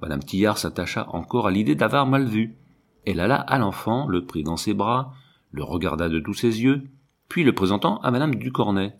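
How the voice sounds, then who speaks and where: A man reading a classic novel aloud in a measured, expressive narration. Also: fairly low pitch, creaky. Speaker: audiobook reader.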